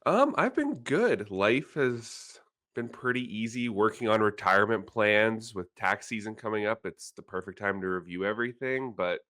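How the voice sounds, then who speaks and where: Brief: male financial planner, host, slightly low voice, relaxed and wry. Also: normal speed. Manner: easygoing, self-deprecating humor. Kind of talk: casual podcast chat.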